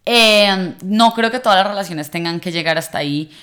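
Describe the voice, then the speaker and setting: A woman in her late twenties talking reflectively to the camera about relationships, in a relaxed conversational way with fillers and restarts. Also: medium pitch, normal speed. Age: late 20s. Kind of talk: personal vlog monologue.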